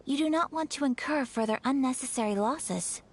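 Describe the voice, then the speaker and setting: An actress voicing a dignified eldest daughter of a noble clan in a video game, formal, measured and commanding. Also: female voice, high-pitched. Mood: composed, formal.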